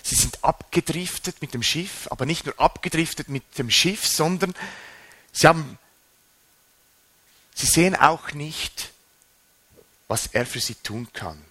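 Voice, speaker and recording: A man preaching a sermon in a bright, forceful voice. His pitch sits a little high and leaps about as he rises and drops for emphasis. He sounds animated and retelling, pressing each point home. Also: a little slow, pauses often. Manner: animated, rising and dropping sharply for emphasis.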